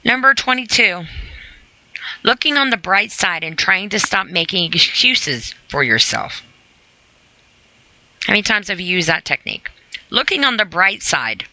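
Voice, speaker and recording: Here a podcast host goes through a self-help list aloud, offering informal, blunt remarks, echoing phrases for emphasis and posing rhetorical questions to the listener. The voice sits in the mid range and sounds pushed and bright, captured on a rough recording with no room sound.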